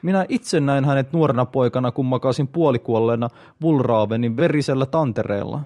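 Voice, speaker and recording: A man's voice: medium pitch, darkish tone, lightly acted. A man voicing a wild-eyed old male warrior telling an eerie legend in an audiobook reading. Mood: urgent.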